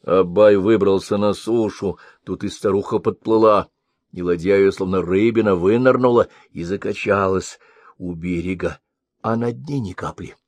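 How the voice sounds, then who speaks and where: A man narrating an old folk-style tale in a measured, expressive storytelling cadence. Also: low voice, no room sound.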